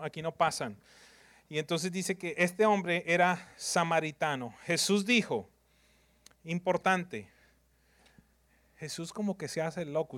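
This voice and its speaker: A man preaches a sermon in a notably high voice. He quizzes his congregation and waits for answers, then swings from loud proclamation to soft, confiding asides. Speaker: pastor.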